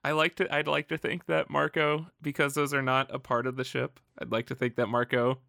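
Bright, lively man chatting comics. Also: medium pitch, fairly quick, creaky, dry recording, clean studio sound. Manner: animated, profane, laughs often. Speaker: podcast co-host. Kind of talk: casual comic book discussion.

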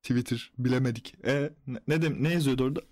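A young man co-hosting a casual chat show, playfully teasing his friends and quick to laugh. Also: medium pitch, a little mellow. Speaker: podcast co-host.

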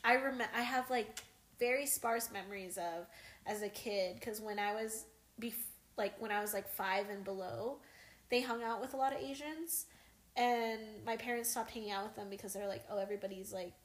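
A woman's voice: a little high, moderate pace. Chatty young woman in an echoey room. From United States. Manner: rambling, many fillers and laughs. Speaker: podcast co-host. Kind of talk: casual chat.

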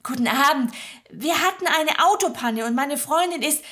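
A woman's voice: sits high, lively intonation, normal speed, a bit bright, voice pushed up. Nervous young father-to-be, stammering, apologetic, raised voice, put on by a woman storyteller. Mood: urgent. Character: hesitant young man, expectant father.

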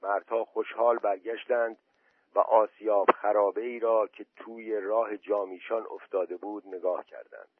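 Husky man reading a story. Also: on the low side, fairly even intonation, dry recording. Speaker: reader. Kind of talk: audiobook narration. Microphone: voice message recording. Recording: dry, tinny phone-quality audio.

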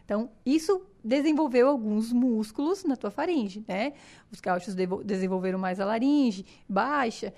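A woman speaks in a clearly high voice, talking as a singing teacher in a relaxed podcast chat. She explains with eager enthusiasm and slips into little vocal demonstrations as she goes. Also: normal speed.

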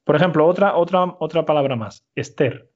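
A man's voice: a little high, brisk, darkish tone, lo-fi sound. A man teaching a Spanish lesson, explaining step by step and often checking in with his listeners. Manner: explanatory, frequent "¿vale?" checks. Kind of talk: language lesson.

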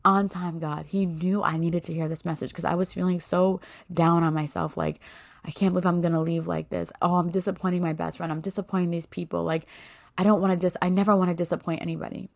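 A woman's voice: on the low side, little pitch movement, fast talker, gravelly. A woman in her thirties hosting a personal faith podcast, talking in a heartfelt, rambling way full of "like" and "you know". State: voice cracking with emotion. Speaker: podcast host.

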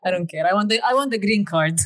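A woman chatting casually, telling stories in an animated way and laughing often. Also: medium pitch, fast talker. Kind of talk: casual chat.

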